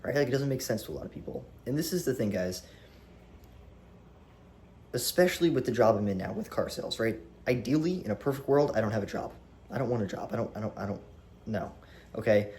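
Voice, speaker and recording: Lively young man chatting at the camera. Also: fairly low pitch, a little fast, long pauses, a little hiss or hum. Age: young adult. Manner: animated, swearing, rambling with restarts. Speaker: vlogger. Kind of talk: casual talk to camera. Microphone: camera on tripod.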